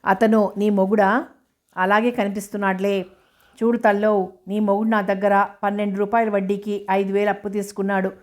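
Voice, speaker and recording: A woman voicing a crude, pushy middle-aged female moneylender who talks roughly and scolds loudly. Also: medium pitch, flat delivery, moderate pace, natural voice. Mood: scolding.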